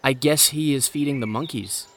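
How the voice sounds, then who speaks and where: A man's voice: medium pitch, moderate pace, fairly bright tone, a little hiss or hum, natural voice. A man playing a curious young man visiting a zoo with a friend, reading casual, questioning dialogue lines.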